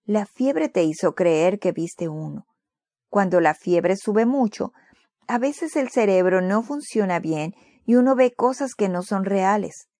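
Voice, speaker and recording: A woman voicing a calm, firm father who speaks in a slow, measured way. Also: mid-range voice, no room sound, clean studio sound. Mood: reassuring.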